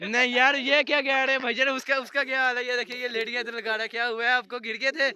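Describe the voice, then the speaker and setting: A young man hosting a casual night-walk vlog with friends, chatty, teasing and excitable. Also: very high voice, fast talker, clean tone. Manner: excited, chatty, teasing, often repeating himself. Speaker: vlogger host. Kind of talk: casual outdoor vlog chat.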